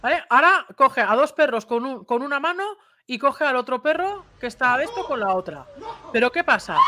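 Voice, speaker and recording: A woman's voice: high voice, sharp tone. A woman commenting on a dog attack video in a casual, conversational way, often checking in with her listener and explaining step by step. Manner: imitates bite sounds and raises voice for emphasis.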